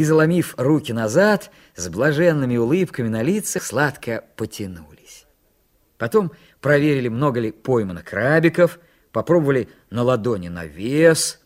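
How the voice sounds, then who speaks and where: Lively man reading a story aloud. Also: medium pitch. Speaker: narrator.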